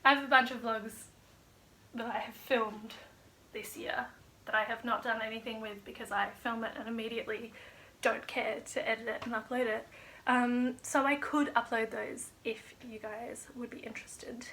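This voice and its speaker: A woman's voice: a little high, fairly even intonation, normal speed, bright, forceful tone. A woman casually rambling through a monthly book wrap-up, chatty and wry, with plenty of "like" and "um". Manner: wry and self-mocking. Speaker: book vlogger.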